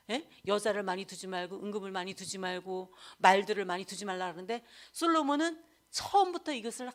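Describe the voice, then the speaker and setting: A middle-aged woman evangelist preaching a sermon, telling her own story in a candid, animated way. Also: mid-range voice.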